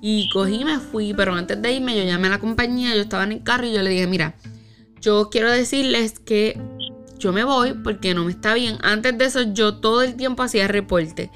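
A woman's voice: mid-range voice, fairly quick, faint music behind. A woman telling a personal story in casual chat, acting out the lines of the people she quotes. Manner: animated, acts out quoted dialogue.

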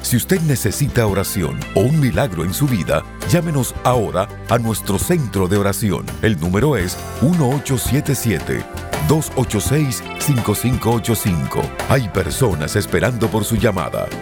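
A man reading a scripted announcement as announcer, in a smooth, measured delivery that repeats the details. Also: on the low side, sing-song. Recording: announcement over clear background music.

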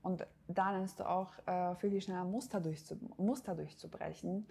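A woman hosts a self-help podcast, addressing the listener directly in a coaching tone and hesitating often as she gives a motivational talk. Her voice is lowish, warm and husky with vocal fry, fairly even in intonation and moderate in pace.

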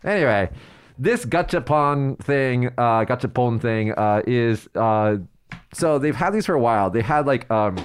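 A hungover man chats as a talk show co-host. He tells stories loosely and with a joking streak, often circling back as he looks for the right word. His pitch sits in an ordinary middle range for a man. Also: lively intonation, unhurried, smooth. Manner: rambling, searches for words, jokey. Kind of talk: casual chat, storytelling.

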